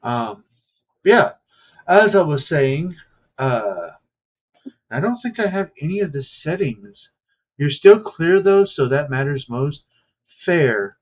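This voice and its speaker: Pausing often, a man with a slightly high, sing-song voice speaks slowly while streaming a wrestling video game. His commentary is casual, hesitant and full of fillers, and it comes through a tinny, tin-can-sounding mic.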